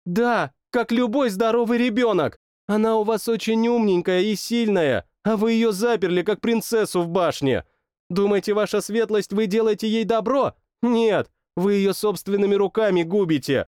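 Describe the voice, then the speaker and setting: A man's voice: sits high, darkish tone, clean tone, no room sound, clean studio sound, pitched above the performer's own voice, close to an everyday voice. A man voicing a stubborn young woman who pleads and scolds in an audiobook. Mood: lecturing. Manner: pleading, scolding, quick protests. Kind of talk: audiobook narration.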